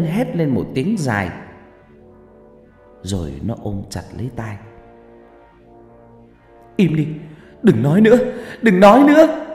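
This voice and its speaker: A man's voice: mid-range voice, mellow. A man narrating a horror story with a dramatic delivery, in an echoey recording with faint music.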